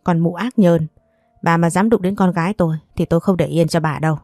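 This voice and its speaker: A woman's voice: lowish voice, fairly even intonation, a little fast, a little mellow, no echo, studio quality, faint music behind, lightly acted. A woman voicing a fierce, protective middle-aged mother who scolds bluntly in a storybook reading. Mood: angry.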